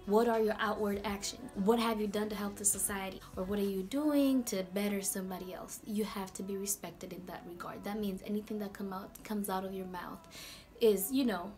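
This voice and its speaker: A woman hosting a casual Bible talk vlog in a chatty, slangy, animated way. Her voice is going hoarse. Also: medium pitch, fairly quick, faint music behind. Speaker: video host.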